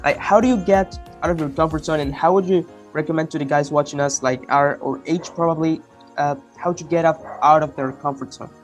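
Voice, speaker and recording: Male host, rapid delivery, slightly high pitch, rambling casual interviewer. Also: steady tone, faint music behind. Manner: rambling, stacked questions. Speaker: podcast host.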